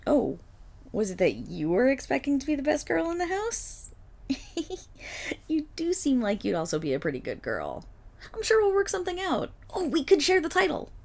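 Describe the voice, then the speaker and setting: A woman voicing an excitable, affectionate dog-eared girl in an ASMR role-play, loud and giggly. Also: high voice, normal speed, vocal fry, exaggerated voice. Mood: bubbly.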